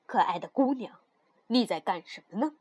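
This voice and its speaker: A woman doing a gentle young king. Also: animated, normal speed, slightly rough, no echo. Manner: soft, soothing, lowered voice.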